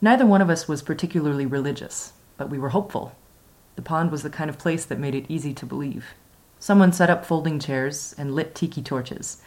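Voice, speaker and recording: A woman reading her own first-person memoir aloud in a measured, reflective way. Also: sits low, darkish tone. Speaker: memoir reader.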